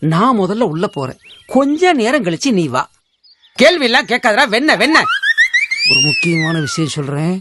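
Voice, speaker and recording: A sly, bossy village marriage broker in a film, scolding and ordering people about. His voice is high and swoops widely up and down. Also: huge pitch swings, moderate pace, sharp tone, a little hiss or hum, full character voice. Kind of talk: film acting.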